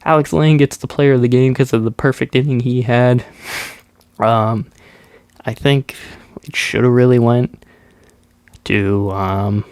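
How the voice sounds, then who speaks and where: A man's voice: mid-range voice, fairly even intonation, unhurried, pauses often, darkish tone, smooth, no echo. A young man with a stuffed-up nose casually recapping his baseball video game, with plenty of ums and restarts. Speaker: gaming YouTuber. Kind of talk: casual gameplay commentary.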